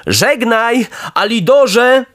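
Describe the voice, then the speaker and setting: A man voicing a puppet boy in a storybook reading, sounding young, lively and a bit wary. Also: high-pitched, unhurried, voice pushed up. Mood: cheerful.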